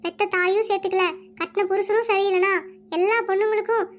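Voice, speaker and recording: A performer voicing an unhappy but resolute young wife in an animated comedy, pleading and calling the other woman "akka". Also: very high-pitched, fast, muffled recording.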